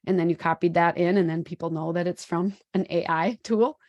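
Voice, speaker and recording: A woman's voice: lowish voice, fairly even intonation, a little fast, a little mellow, dry recording, muffled recording. A woman in her forties presenting a live webinar in an upbeat, chatty way, with plenty of ums, speaking into a computer microphone. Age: 40s. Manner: upbeat, chatty, many fillers.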